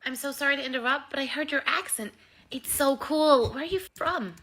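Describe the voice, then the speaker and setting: A woman's voice: high-pitched, a little fast, a bit bright. A woman putting on a gushing American girl. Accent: put-on American.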